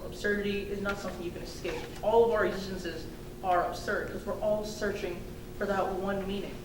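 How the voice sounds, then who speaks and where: A young woman giving a student thesis defense presentation in a hesitant, halting way with informal hedging asides. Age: young adult. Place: indoor room, recorded from a distance. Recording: echoey room, distant mic, rumbling noise.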